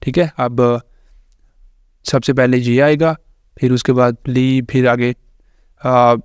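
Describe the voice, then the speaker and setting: A man, explaining English grammar and pronunciation slowly and repetitively in a tutorial. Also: medium pitch, steady tone, a little mellow, clean tone, dry recording. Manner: slow, repetitive explaining with frequent fillers. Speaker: English teacher. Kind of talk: screen-recorded tutorial explanation.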